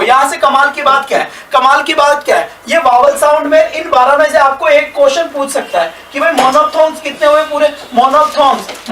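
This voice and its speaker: A man with a high, bright, forceful voice teaches a live online class, drilling each point over and over and cheering his students on. He sounds some way from the mic in a roomy, echoing space, with faint noise behind him. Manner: repetitive, drilling questions and answering them himself; encouraging, praising students often. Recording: echoey room, mic at a distance.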